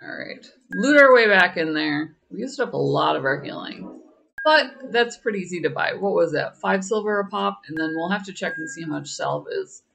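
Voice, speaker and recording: A woman's voice: lowish voice, expressive, moderate pace, creaky, a bit bright, soft background music. A woman chatting through a video game as its streamer, playful and wry, often exclaiming.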